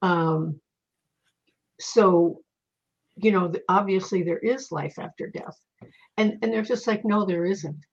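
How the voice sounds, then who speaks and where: A woman's voice: fairly low pitch, takes it slowly, long pauses, slightly rough. A woman who is a psychic guest in an interview, telling stories animatedly, with frequent fillers and restarts. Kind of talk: conversational storytelling. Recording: dull lo-fi recording.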